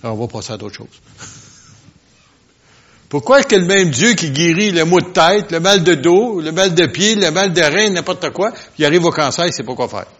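A man preaching a sermon. He talks with the congregation in a conversational way, asks them questions, and swings from quiet asides to loud, emphatic bursts. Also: sits high, animated, unhurried. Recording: lo-fi, dull sound.

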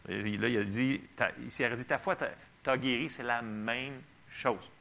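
A man's voice: mid-range voice, fairly even intonation, moderate pace, creaky, a bit bright. A man with a Québécois French accent preaching a sermon, reading Bible verses and chatting with the congregation in asides. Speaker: pastor.

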